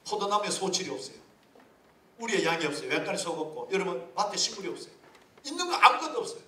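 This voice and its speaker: High, lively Korean pastor preaching. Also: male voice, quick pace. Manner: lively, humorous, rhetorical questions. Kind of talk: sermon at a leaders' retreat. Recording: echoey hall from far off.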